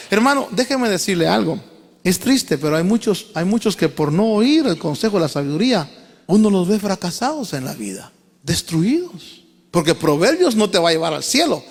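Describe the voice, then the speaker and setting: Male pastor, high tenor voice, animated sermon delivery with call-and-refrain, reverberant sanctuary. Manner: animated preaching, rising to high emphatic calls and repeated refrains. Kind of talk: preaching a sermon. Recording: reverberant church hall.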